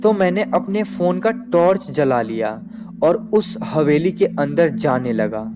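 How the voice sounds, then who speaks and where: A man narrating a first-person horror story in slow, measured storytelling. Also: fairly high pitch, animated. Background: background music.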